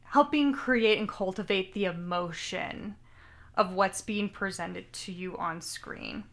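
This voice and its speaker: A young woman with a medium-pitched, fairly bright voice and vocal fry talks slowly. Co-hosting a relaxed anime podcast, she chats and rambles, regularly second-guessing her pronunciation of names.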